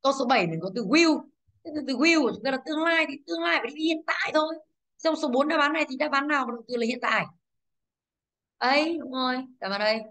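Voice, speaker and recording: Woman, Vietnamese accent, English teacher, exam review, rhetorical check-ins, slightly high voice. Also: fast talker, fairly bright tone. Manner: asks rhetorical checks, self-corrects, explains patiently.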